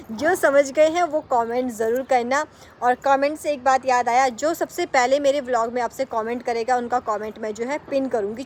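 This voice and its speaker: A young woman vlogger chats casually to camera outdoors on a rooftop, rambling and correcting herself as she talks to her viewers. Her voice is a little high, and the recording carries a slight hiss or hum.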